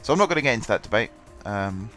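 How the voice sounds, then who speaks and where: Racing along in an expressive, fairly bright voice on the low side, a gaming host who's stuffed up with a cold rambles through casual commentary. He fills it with ums and restarts, and faint music plays in the background.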